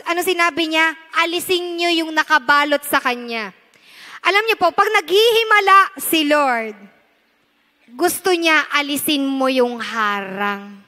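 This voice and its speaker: A Filipino woman pastor preaches with a high, bright voice, switching between Tagalog and English. She swings between loud emphatic lines and hushed, intense ones. Her sermon carries a long reverb from a large church hall.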